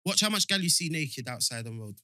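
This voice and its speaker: Young male, London roadman accent, bright and forceful, slangy casual podcast banter. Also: on the high side, fairly quick, no room sound, clean studio sound. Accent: London roadman, multicultural London English. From London, England. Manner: slangy, animated, emphatic with repeated phrases.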